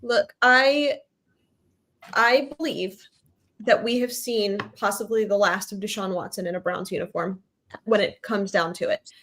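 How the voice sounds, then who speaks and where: A woman co-hosting a sports podcast, brisk and joking as she hands off segments and brings on guests. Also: mid-range voice, steady tone, fairly bright tone. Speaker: podcast co-host. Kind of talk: casual podcast sports chat.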